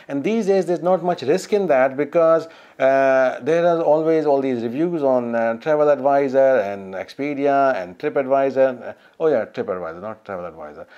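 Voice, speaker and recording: A man talking casually to camera in a travel vlog, hesitant and pausing often. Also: medium pitch, mellow, dull audio. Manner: hesitant, with many fillers and restarts. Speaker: travel vlogger.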